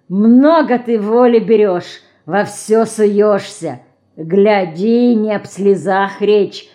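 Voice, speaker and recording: A woman voicing a rough, angry peasant man with a hoarse, threatening shout and speech. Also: mid-range voice, lightly acted. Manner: threatening, yelling.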